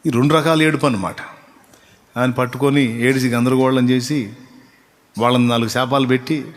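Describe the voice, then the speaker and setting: A man preaching a sermon as pastor, telling stories and building to loud repeated appeals. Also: mid-range voice, fairly even intonation, normal speed. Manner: storytelling that acts out quoted voices.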